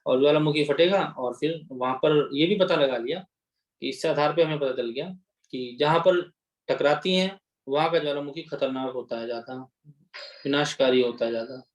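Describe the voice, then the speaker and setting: This is a male teacher with a slightly higher voice than most men, giving an exam-prep geography lecture. He explains off the cuff, mixing in English terms, stumbling and restarting now and then. He keeps checking in with his students as he goes. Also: normal speed, highs cut off. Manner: unscripted explaining with fillers and restarts, Hindi mixed with English terms; repeats "ठीक है" to check in with students.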